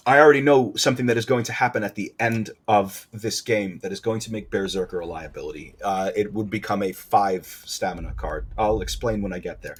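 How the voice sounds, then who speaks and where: A man's voice: lowish voice, breathy edge. A man doing casual let's play commentary, explaining his strategy card by card, with fillers and self-corrections along the way. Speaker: gameplay commentator.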